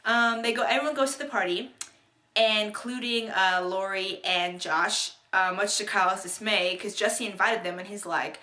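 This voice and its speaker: Speaking at a moderate pace, a young woman with a mid-range, bright, forceful voice gives a casual recap of a TV episode in an echoey room. She rambles cheerfully, restarting sentences and leaning on lots of fillers.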